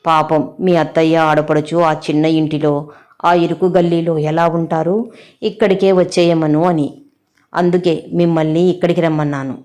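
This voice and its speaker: A defiant young daughter-in-law answers back plainly and sharply in a spoken family story, as a woman narrator gives her a voice. The tone is low and mellow, and sometimes she talks slow and steady. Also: lightly acted. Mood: firm.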